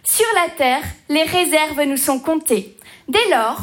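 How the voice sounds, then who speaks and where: A woman's voice: sits high, slow pace. A woman narrating a bawdy comic fable in rhyming verse, with a playful, sing-song delivery. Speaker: storyteller.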